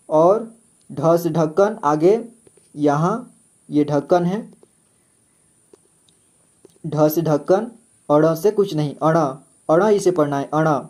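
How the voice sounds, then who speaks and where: Male teacher, slightly high mellow voice, slow and patient alphabet drill. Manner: slow, patient, repeats each letter several times. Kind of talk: slow step-by-step alphabet lesson.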